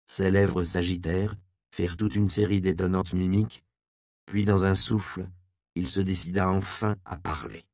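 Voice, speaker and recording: A low-pitched male narrator reading a historical novel in a measured, steady way. His voice carries a gravelly texture. The recording is close and dry, with no room sound. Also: no room sound. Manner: measured storytelling. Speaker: audiobook narrator. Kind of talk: scripted narration.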